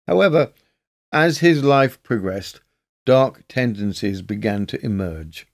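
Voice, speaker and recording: A man narrating a scripted history episode in a measured, documentary-style reading. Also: mid-range voice, expressive, creaky.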